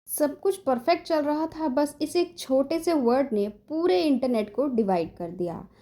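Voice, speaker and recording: A woman's voice: high voice, animated, measured pace, warm tone. A woman hosting a gossip channel, narrating a celebrity story in a scripted, dramatic way, mixing English phrases into her Hindi and speaking straight to her viewers. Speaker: entertainment gossip channel host.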